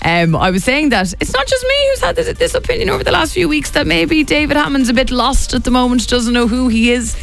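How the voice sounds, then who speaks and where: A woman's voice: high-pitched, big pitch swings, a little fast, gravelly, hardly any pauses, soft background music. A young Irish woman hosting a radio show, chatting casually and teasing her co-host. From Ireland.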